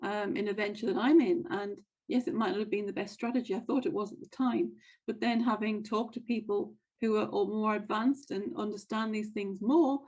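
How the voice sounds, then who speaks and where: A woman talks straight to her listeners in a motivational monologue, earnest and encouraging. She keeps coming back to her key phrases. Her voice sits at an ordinary middle pitch for a woman. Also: fairly even intonation, moderate pace, darkish tone, low-quality recording. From United States. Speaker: podcast host and wealth coach.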